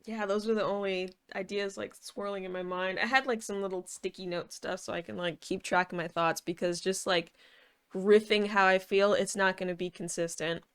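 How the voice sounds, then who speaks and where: Clear-voiced woman rambling casually. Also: mid-range voice, fairly even intonation, normal speed. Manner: informal, hedging, thinking aloud. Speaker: video reviewer.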